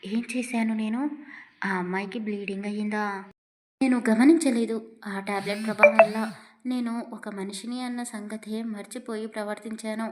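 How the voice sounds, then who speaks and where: A woman's voice: mid-range voice, steady tone, normal speed, background noise, natural voice. Hot-tempered young husband, proud and remorseful, read by a woman narrator, storybook drama. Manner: agitated, self-reproaching.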